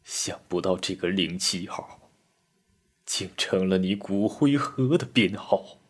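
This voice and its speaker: A man's voice: deep voice, takes it slowly, slightly rough, exaggerated voice. A man playing a grieving young soldier who murmurs tearfully over a fallen comrade. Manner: tearful, murmuring, bursts into shouts.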